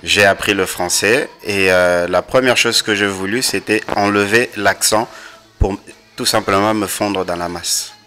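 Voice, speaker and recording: A man, a panel guest, speaking hesitantly and softly. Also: fairly low pitch, unhurried. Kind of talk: debate discussion. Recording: music playing under voice. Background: music.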